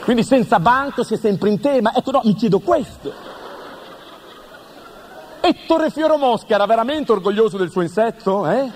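A man delivering an absurdist stand-up monologue full of deadpan wordplay and mock-serious questions. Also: very high voice, normal speed, pauses often, slight background noise. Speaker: comedian.

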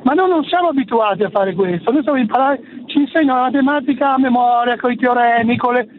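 A man calling a radio show over the phone from a moving car, explaining earnestly with halting restarts. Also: very high-pitched. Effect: heard over the phone. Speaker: radio caller. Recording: tinny phone line from a car with faint noise.

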